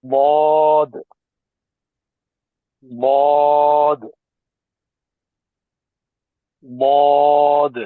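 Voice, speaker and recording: A man, a student in an online class, recites one letter for his teacher. His delivery is very slow and flat, with careful repetition. The audio comes through a tinny, phone-like call line. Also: fairly high pitch, dry recording.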